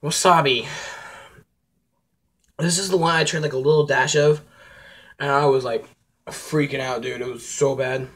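A young man filming a hot sauce challenge vlog, talking casually to viewers and reacting loudly as his mouth burns. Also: mid-range voice, moderate pace, pauses often. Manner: excitable, talks to viewers, reacts loudly to heat. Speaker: vlogger.

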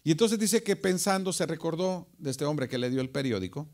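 A man's voice: fairly high pitch, brisk. Man preaching in a storytelling sermon. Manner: animated storytelling with rhetorical questions and quiet asides.

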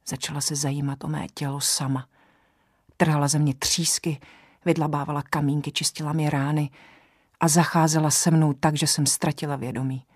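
A woman narrating a novel in the first person, in a measured storytelling manner. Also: sits low, flat delivery, husky, dry recording, studio quality. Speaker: audiobook narrator.

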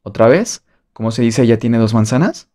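A man's voice: mid-range voice, expressive, moderate pace, a little mellow. A man with a Mexican Spanish accent teaching a beginner English lesson online, playful and jokey, drilling phrases by repetition.

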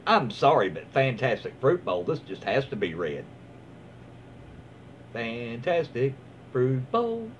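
At home in a small indoor room, a man reads stories aloud and comments on them in a folksy, rambling, easygoing way. His medium-pitched voice swings widely, moving slowly with long pauses, and the recording is dull and lo-fi with clear background noise.

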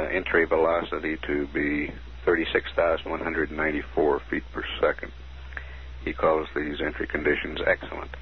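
A man giving formal, businesslike mission status announcements, reading out figures in a measured way, heard through a muffled radio transmission. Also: rumbling low. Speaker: mission control commentator. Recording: dull 1969 archive broadcast, faint hiss.

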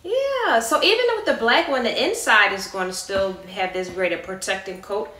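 An animated American woman in her thirties vlogs an unboxing at normal speed and medium pitch, keeping things playful, casual, and chatty in her carpeted living room. Captured by a camera a few meters away, the audio is distant and echoey with loud clattering from handling.

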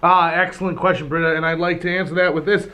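Man, slightly high and bright, radio DJ playing it straight in a spoof debate. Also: flat delivery, fast talker, clear, resonant tone. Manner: mock-serious, rambling non-answers. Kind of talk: mock debate comedy.

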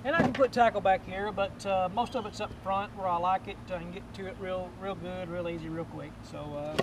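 High-voiced man on a noisy outdoor vlog. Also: fairly even intonation, brisk. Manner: folksy, rambling, many ums and uhs. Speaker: fishing channel host. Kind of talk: casual boat tour walkthrough. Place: outdoors beside a boat on a lawn. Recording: noisy outdoor camera audio.

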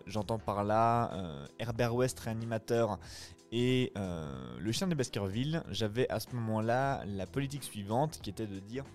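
A man's voice: lowish voice, a little mellow. A man, chatting casually with his live viewers after a reading in a friendly, reflective way. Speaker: streamer and voice-acting reader.

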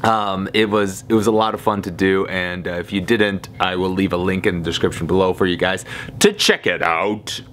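A man's voice: low-pitched, steady tone, moderate pace, a bit bright. A man in his thirties talking casually to camera as a vlogger, recorded indoors on a handheld camera at arm's length. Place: small carpeted living room indoors. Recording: clear background room noise.

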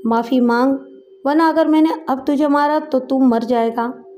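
A woman's voice: high-pitched, a little slow, mellow, slight background noise. A woman voicing a fierce young man in a story, speaking harshly and commandingly. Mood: furious. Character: fierce young man confronting street bullies.

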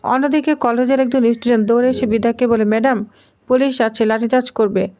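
A woman giving a scripted, steady recap of a TV serial episode, reading the characters' lines aloud in her own plain voice. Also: a little high, fairly quick. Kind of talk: scripted narration.

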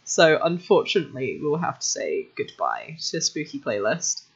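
A woman's voice: deep voice, very animated, moderate pace, creaky, breathy edge, highs cut off. A woman chatting casually to her viewers while she draws on a livestream, laughing often and reacting to their comments. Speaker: art streamer. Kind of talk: casual chat while drawing on stream. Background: faint background music.

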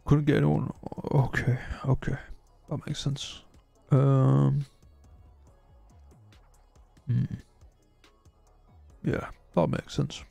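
Croaky sleepy guy rambling on a game stream, super gravelly, dark low-key tone. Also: level tone, very slow, pauses often, no echo, faint music behind. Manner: rambling and hesitant, many restarts. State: sleepy, yawning. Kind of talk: casual live-stream chat.

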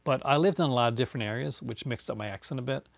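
He races along in a mid-range voice with vocal fry, captured in a dry recording. The speaker is a man in his forties from Newfoundland who has a light accent, chatting loosely with viewers on a live stream from his bookshelf-filled home room, full of fillers and false starts.

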